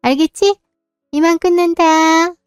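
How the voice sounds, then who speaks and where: Woman as gentle older mother-in-law, high and soothing, audio drama. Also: steady tone, a little slow, no room sound, studio quality, faint music behind. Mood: kindly. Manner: fond, soothing, motherly advice.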